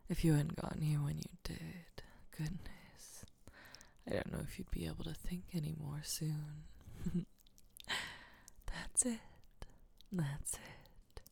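A woman playing a doting female caretaker who talks in a soft, hushing whisper. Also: sits low, fairly even intonation, takes it slowly, vocal fry, pauses often, breathy edge, heavily acted. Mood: tender, hushing. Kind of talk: intimate audio roleplay.

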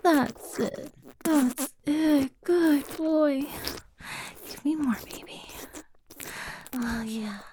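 A woman's voice: high voice, extremely slow, pauses often, slight background noise. A woman whispering as a doting motherly lover. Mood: soothing. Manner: hushed whispering, soothing. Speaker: audio roleplay performer. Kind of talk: intimate audio roleplay.

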